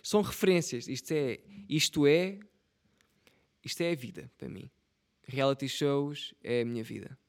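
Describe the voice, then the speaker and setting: A young man with a European Portuguese accent talks alone into the mic for his podcast, rambling and mocking himself in slang full of swearing. His voice sits at an everyday middle pitch. The sound is close and dry, with no room echo. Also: normal speed. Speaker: podcast host. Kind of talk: casual solo podcast monologue.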